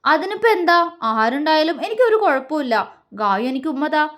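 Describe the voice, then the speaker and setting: A woman's voice: sits high, very animated, brisk, fairly bright tone. A woman voicing a young man with a childlike mind who is stubborn and sulky, speaking in a pleading, childish, insistent way.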